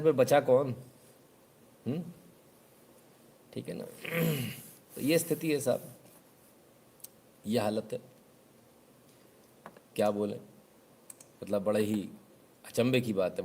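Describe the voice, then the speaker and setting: A man's voice: medium pitch, slow pace, long pauses, mellow, a little hiss or hum. A man, hosting a live news show in casual, sarcastic commentary. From Uttar Pradesh, India. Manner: sarcastic, mocking.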